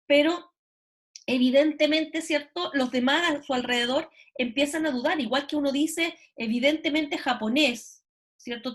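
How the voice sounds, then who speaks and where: A woman lecturing an online class, explaining with many fillers and tag questions. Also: high-pitched. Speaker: university lecturer. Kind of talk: online class commentary on a video.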